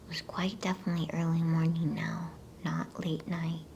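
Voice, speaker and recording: Female ASMR reader, hushed creaky whisper, flat and very unhurried, for bedtime storytelling. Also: low voice, noisy background. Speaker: ASMR storyteller reading a children's novel aloud.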